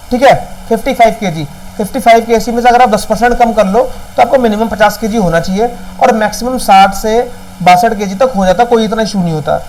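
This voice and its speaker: An Indian man coaches exam candidates through a casual step-by-step tutorial, speaking directly to viewers and often checking in with "ठीक है?". His voice sits high and a little mellow, with some hiss or hum on poor audio.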